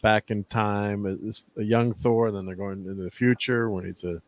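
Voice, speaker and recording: A man hosting a casual chat about comics, rambling and halting, often laughing. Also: fairly low pitch, fairly even intonation, no echo. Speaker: host.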